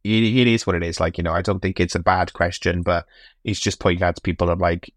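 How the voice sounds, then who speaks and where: A man's voice: low-pitched, level tone, fast talker, no room sound, clean studio sound. A man hosting a podcast, chatting casually and rambling with frequent fillers and restarts. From United Kingdom. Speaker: podcast host and cruise travel agent.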